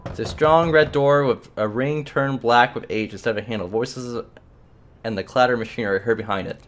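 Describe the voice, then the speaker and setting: A man playing through a narrative game, reading its narration and musing aloud about what to do next in a relaxed, casual way. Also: mid-range voice, a little fast, slight background noise. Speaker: let's play host. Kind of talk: casual gameplay commentary and reading.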